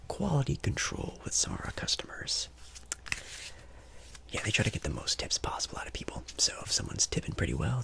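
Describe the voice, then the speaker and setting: Whispering in a mid-range voice, a man takes on the role of a friendly casino dealer for ASMR, apologizing as he goes. He sounds breathy and chatty, with a bright, forceful tone, and his reassurance is polite yet hesitant.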